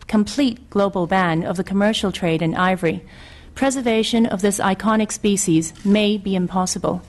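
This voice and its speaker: A middle-aged woman from Hong Kong, testifying before a legislative committee and reading a prepared statement in an earnest, formal, measured way. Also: mid-range voice, darkish tone.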